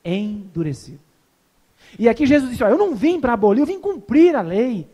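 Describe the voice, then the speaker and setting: A man from Brazil gives an evangelistic sermon in a high voice. He tells the story with animation, acting out each exchange and turning to the congregation with questions. He sounds like a pastor speaking to his church. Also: very animated, fast, dark tone.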